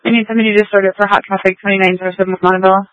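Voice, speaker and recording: High-voiced guy dispatching on police radio, urgent, keeps repeating calls, muffled dry sound. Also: little pitch movement, racing, dry recording. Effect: heard over a police radio.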